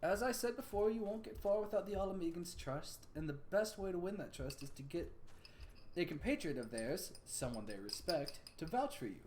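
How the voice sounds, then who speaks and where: A man voicing a measured, grave quest-giving advisor with stately, formal phrasing in a tabletop game. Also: sits high, big pitch swings, darkish tone, slight background noise, voice pushed up. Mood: advising.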